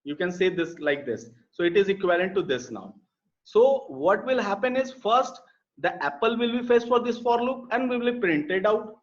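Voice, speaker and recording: With a high voice and lively intonation at normal speed, the instructor explains code step by step during a live online lesson, repeating words and using many fillers. It's captured on a computer mic with dull, lo-fi quality.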